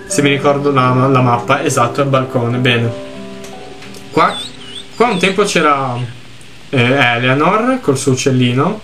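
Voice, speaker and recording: A young man from Italy doing let's play commentary, excitable and quick to swear as he reads game text aloud. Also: mid-range voice, music in the background. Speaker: gaming YouTuber.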